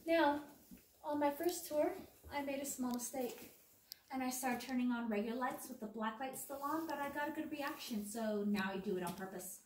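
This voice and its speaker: A woman's voice: high-pitched, moderate pace, a little mellow. A woman working as a tour guide, talking playfully and chattily to a group in an echoing cave. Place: underground cave room. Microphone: visitor's phone at a distance. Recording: echoing cave, distant mic, faint noise.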